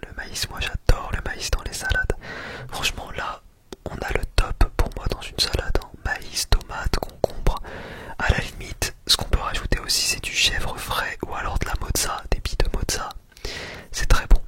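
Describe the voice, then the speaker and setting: A man whispering very close, right in the ear, as he narrates a food ASMR video, often repeating words and phrases for emphasis. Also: moderate pace.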